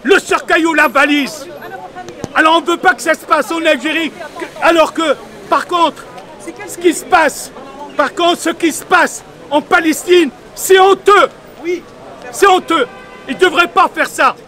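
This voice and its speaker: An angry, insistent man speaks into a reporter's mic on a city street during a protest. His voice sits very high and sounds bright and forceful. He halts often, repeating words as he hunts for the next one, while a faint crowd murmurs around him. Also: steady tone, a little slow. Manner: hesitant, many restarts and repeated words. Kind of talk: street interview.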